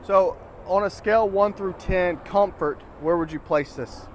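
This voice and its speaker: A man's voice: high-pitched, unhurried. A man chatting casually and informally as a scooter dealer, explaining a product to a customer. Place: outdoors. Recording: outdoor ambient noise.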